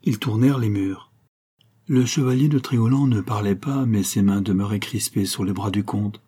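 A man reading a historical novel aloud in a steady, measured storytelling voice. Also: lowish voice, breathy edge. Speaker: audiobook narrator. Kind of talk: scripted narration of a historical novel.

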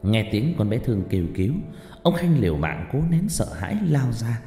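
A man narrating a horror story in a dramatic way, swinging between tense and hushed delivery. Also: lowish voice, sing-song, normal speed. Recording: heavy reverb, faint music behind.

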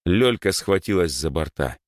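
A man reading a story aloud with expressive narration. His voice is deep and his intonation moves freely. The recording is dry with no room sound. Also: normal speed, dry recording. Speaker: audiobook narrator. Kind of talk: scripted narration.

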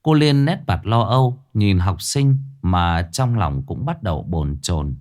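A man narrating a ghost story with expressive, dramatic pacing. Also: low-pitched, unhurried.

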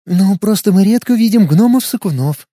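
A man's voice: high-pitched, animated, mellow, slightly rough, dry recording, clean studio sound, pitched above the performer's own voice. A man narrating an audiobook and voicing a composed, teasing young elf woman. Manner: measured and sardonic.

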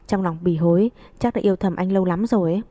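A woman narrating a novel as an audiobook, with steady, even storytelling. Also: lowish voice, fast, dry recording.

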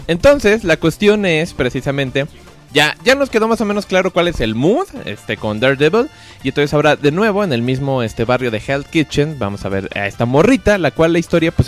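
Animated Mexican man recapping a show. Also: medium pitch. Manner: animated, acts out quotes with lots of slang. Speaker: podcast host. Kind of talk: casual slangy review chat.

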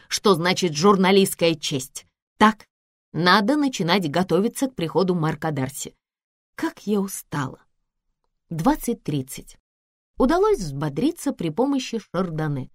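A woman narrating a first-person audiobook in an expressive, wry, conversational manner. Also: medium pitch, no room sound, studio quality. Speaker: audiobook reader.

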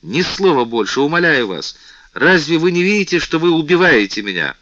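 A desperate young woman begs and confesses her love, her voice lifted high and strained, as a male narrator puts her on. The tone is bright and forceful, and the pleas often swell into cries. The recording sounds dull and lo-fi, with no room at all. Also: unhurried, dry recording. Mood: desperate pleading. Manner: pleading, emotional, rising to cries. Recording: dull, lo-fi, dry.

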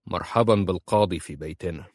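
A man's voice: sits low, moderate pace, darkish tone, no room sound. A man voicing a young husband who is cold and hard-hearted, speaking curtly and sarcastically. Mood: sarcastic. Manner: sarcastic and curt.

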